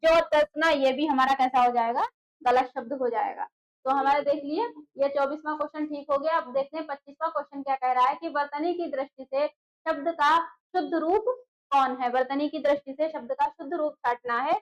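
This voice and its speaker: A woman's voice: sits high, steady tone, brisk, poor audio. A woman teaching an exam-prep lesson who keeps asking rhetorical questions and answering them herself.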